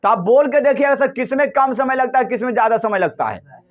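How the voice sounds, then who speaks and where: A man's voice: very high-pitched, fairly quick. Guy teaching a class, keeps firing questions at students, muffled lo-fi sound. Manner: drills students with repeated questions. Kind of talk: classroom lesson.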